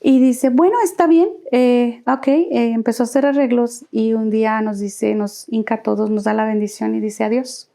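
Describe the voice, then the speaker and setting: A woman's voice: on the high side, flat delivery, normal speed, vocal fry, hardly any pauses, dark tone. A woman recounting her life story as an interview guest, earnestly acting out quoted dialogue.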